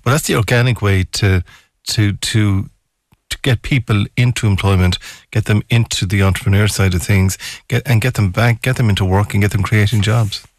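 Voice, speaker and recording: A man's voice: lowish voice, fairly even intonation, moderate pace, no echo. A man with a west of Ireland accent hosting a casual radio interview, chatty and often repeating his phrases.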